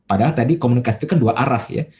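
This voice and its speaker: A man preaching as a pastor in a relaxed, conversational church talk, with many fillers and quoted everyday voices. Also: medium pitch, very fast. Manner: acts out everyday quotes in a livelier voice. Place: church online service.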